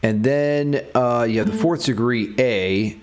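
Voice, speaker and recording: The speaker is a man who teaches guitar music theory. His medium-pitched voice moves at an unhurried pace as he talks through a casual tutorial, thinking aloud and excited about what he's explaining.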